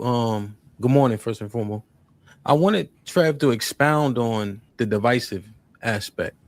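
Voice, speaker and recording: A man on a discussion panel, speaking in a measured, probing way. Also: mid-range voice, no echo.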